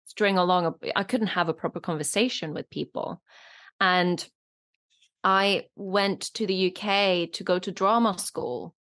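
A woman's voice: lowish voice, fairly even intonation, a little slow, a bit bright. A woman in her thirties, born in Norway, with a British-leaning accent and Norwegian as her first language, chatting as a guest with many fillers. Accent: British-leaning, not clearly foreign. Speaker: actress, guest. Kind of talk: casual interview chat.

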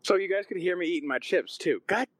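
A man's voice: high-pitched, fast, a bit bright, dry recording. A man chatting casually and informally with his friends. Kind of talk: casual chat.

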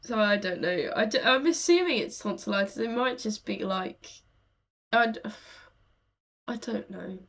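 A woman's voice: mid-range voice, lively intonation, unhurried, a bit bright. A woman co-hosting a podcast, chatting frankly and laughing often, currently ill with a sore throat. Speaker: podcast co-host. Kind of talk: casual chat.

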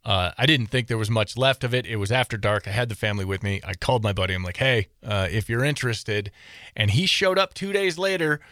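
An American man hosting a podcast in casual, upbeat chat, with an animated, excited delivery. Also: on the low side, fairly quick, no room sound, clean studio sound. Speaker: podcast host.

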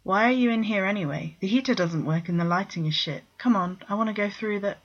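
A woman's voice: mid-range voice, fast talker, natural voice. A woman doing a blunt, swearing young man. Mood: suspicious. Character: blunt, foul-mouthed young man, suspicious brother. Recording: dull lo-fi recording.

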